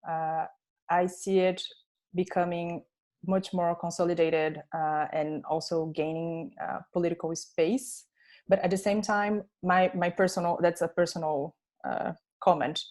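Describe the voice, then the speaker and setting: A woman researcher answering questions on a video call, thoughtful and pausing often with filler sounds. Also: on the low side, level tone, a little mellow. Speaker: researcher presenting findings. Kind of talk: online panel answers.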